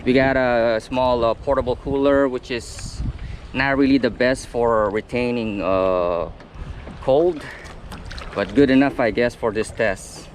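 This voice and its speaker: Man, mid-pitched voice, halting casual vlog talk, outdoor recording with clear water and wind noise. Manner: halting, pausing mid-sentence. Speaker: kayak fishing vlogger.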